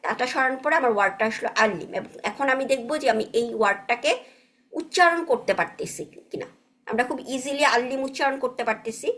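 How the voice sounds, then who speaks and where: A woman's voice: sits high, quick pace, a bit bright. A woman teaching Arabic grammar in an online class, patiently checking understanding with frequent tag questions and mixing English words into her explanations.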